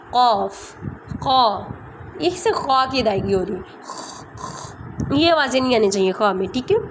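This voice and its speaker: A woman teaching a tajweed lesson, patiently repeating letter sounds slowly and checking that students follow. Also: high-pitched, background noise. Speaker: Quran recitation teacher.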